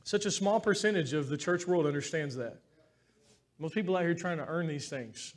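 A man's voice: on the high side, moderate pace. A man preaching a sermon as pastor in a church, talking in an earnest, heartfelt, conversational way.

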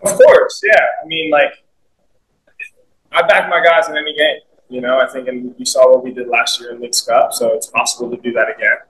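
After a loss, a young adult soccer player fields press questions in an indoor team media room, upbeat and candid and leaning on lots of "you know" fillers. He speaks at medium pitch with fairly even intonation, a little fast and a bit bright, and the recording is rough.

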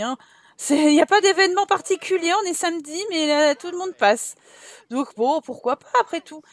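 A woman commenting casually on a life-simulation game, chatty and teasing as she scolds the game characters. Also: high voice. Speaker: gaming YouTuber. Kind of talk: casual let's-play commentary.

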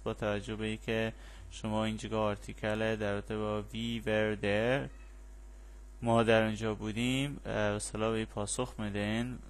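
A man with a Persian accent teaching an English lesson, reading English words slowly and explaining fast in Persian. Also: medium pitch. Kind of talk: bilingual language lesson.

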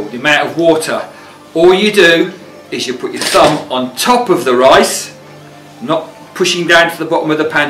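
A middle-aged chef and cookery teacher gives a casual, plain-spoken cooking demo in an indoor commercial kitchen with steel surfaces. His voice is on the high side, pushed and bright, picked up by a distant mic in roomy, off-mic sound with music.

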